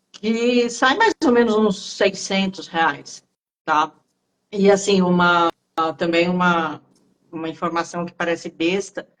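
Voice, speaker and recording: A woman, explaining things in a relaxed, conversational way on a live-stream Q&A, with frequent fillers. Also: mid-range voice, rough recording. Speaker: guest speaker on Italian citizenship. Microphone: remote live-stream call.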